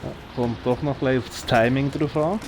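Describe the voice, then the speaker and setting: A man's voice: medium pitch, steady tone, a little fast. A man with a Bernese Swiss German accent, giving casual commentary as he plays a game. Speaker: let's play host. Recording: clear noise behind the voice. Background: video game noise.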